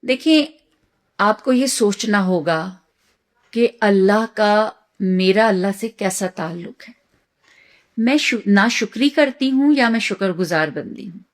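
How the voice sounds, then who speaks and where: A woman who is a mother and teacher giving an earnest religious lecture, asking herself rhetorical questions. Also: mid-range voice. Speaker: Islamic teacher.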